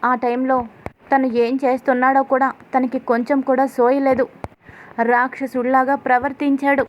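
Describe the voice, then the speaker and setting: A woman's voice: high voice, flat delivery, normal speed, muffled recording, slight background noise, lightly acted. Woman reading a wounded young wife, plaintive and pleading.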